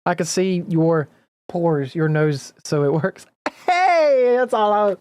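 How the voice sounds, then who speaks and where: A man streaming a game, talking casually and excitedly to his chat with plenty of swearing. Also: on the high side, unhurried. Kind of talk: casual gaming commentary.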